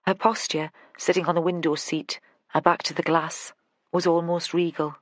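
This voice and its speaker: Steady, dry-sounding audiobook narrator. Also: mid-range voice, normal speed, no echo. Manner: steady, even storytelling. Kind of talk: scripted narration.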